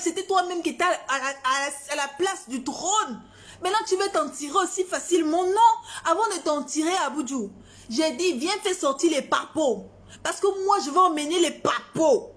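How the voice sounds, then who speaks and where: A woman's voice: high voice, fairly bright tone. A woman from Gabon, a singer, delivering a defiant, confrontational social media rant, repeating her points for emphasis.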